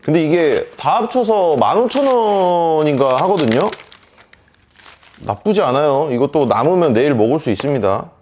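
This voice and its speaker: A man's voice: a little high, sing-song, moderate pace, darkish tone, a little hiss or hum. A man in his thirties chatting to viewers at home while eating a delivery meal and drinking, in a casual mukbang vlog. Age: 30s. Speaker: mukbang vlogger.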